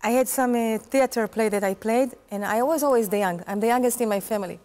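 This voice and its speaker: A woman in her forties, a guest in an interview, talking earnestly in halting English and laughing often. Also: fairly high pitch, darkish tone. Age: 40s. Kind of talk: casual interview chat.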